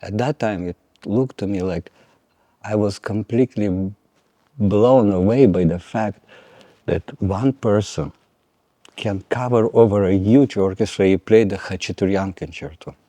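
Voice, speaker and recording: An older man, a violin teacher talking in a measured way, pausing to search for words and making dry jokes. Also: lowish voice, dark tone, no room sound. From Lithuania. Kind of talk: conversational interview.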